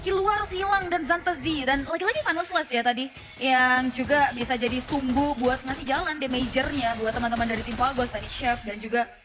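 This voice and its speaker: High-pitched woman esports commentator. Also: brisk, over music. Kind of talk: live mobile game match commentary.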